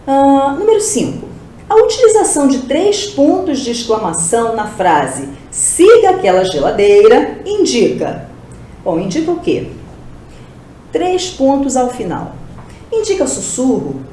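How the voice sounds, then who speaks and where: A woman's voice: a little high, dark tone, slight background noise. A woman teacher giving an exam-prep lesson, asking rhetorical questions and answering them herself. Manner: explains with rhetorical questions and quick self-answers. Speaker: Portuguese teacher. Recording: roomy echo.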